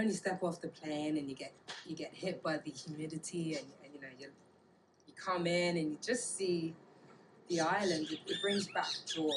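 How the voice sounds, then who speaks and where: A woman from Bermuda, talking casually and reflectively in an interview, pausing to search for words. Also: fairly low pitch, low-quality recording. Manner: thoughtful, halting, searching for words. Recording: clear background ambient noise.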